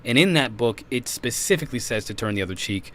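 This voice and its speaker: A man's voice: medium pitch, lively intonation, quick pace, pushed and bright. A man on a podcast panel arguing emphatically in a casual debate and cutting in often.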